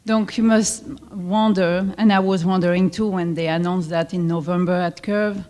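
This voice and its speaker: A woman with a French accent, a fitness club owner giving a halting live event speech with many fillers and restarts. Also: lowish voice, steady tone, darkish tone. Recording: reverberant hall.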